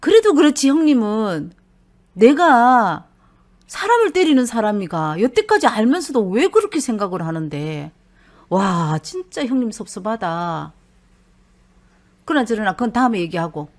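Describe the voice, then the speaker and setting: A woman voicing a blunt, irritable middle-aged husband who scolds loudly in a Gyeongsang accent. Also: medium pitch, expressive, a little slow, pauses often. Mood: scolding. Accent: Gyeongsang Korean. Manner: loud, scolding, exasperated.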